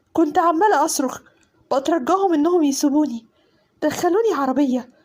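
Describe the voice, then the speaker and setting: A woman's voice: high voice, mellow. A woman with an Egyptian accent narrating a dramatic first-person story with emotional, pleading delivery. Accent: Egyptian Arabic. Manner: emotional, shifting into fearful pleading.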